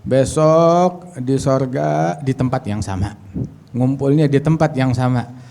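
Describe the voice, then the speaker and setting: A man's voice: medium pitch, slow pace, gravelly, dark tone, slight background noise. A man preaching and telling a story at a religious gathering. He recites Arabic phrases, explains them in casual everyday speech, and acts out the dialogue.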